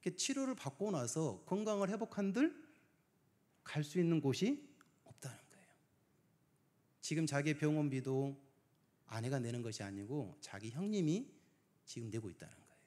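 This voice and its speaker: A male pastor preaching a sermon. He swings between hushed, near-whispered phrases and loud emphasis, and asks the congregation many rhetorical questions. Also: fairly high pitch, expressive, moderate pace, long pauses.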